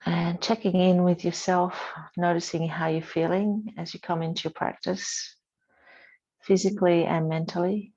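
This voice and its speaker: A female yoga instructor guides a relaxation practice in a soothing, unhurried way, leaving gentle pauses between short cues. Her voice is on the low side with a flat delivery, and the recording is muffled.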